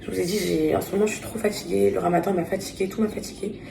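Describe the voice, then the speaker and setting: A woman's voice: mid-range voice, fairly even intonation, fast, creaky, dark tone, slight background noise. A tired young woman chatting casually to her phone camera at home, talking fondly to her viewers with lots of fillers. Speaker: vlogger.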